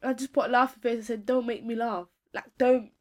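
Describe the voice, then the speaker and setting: A woman in her twenties with a London accent tells stories in a casual, animated chat, full of slang and repeated words for emphasis. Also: a little high, a little fast.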